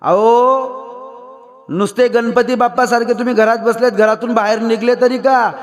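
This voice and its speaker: Acted by a man, a middle-aged wife scolds her husband in a high, sharp voice. She teases and insists, never letting up. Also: steady tone, normal speed. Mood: scolding.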